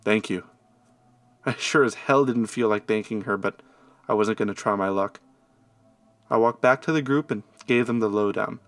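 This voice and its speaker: A man narrating a first-person story in a conversational way that grows animated at tense moments. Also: lowish voice, moderate pace, no room sound.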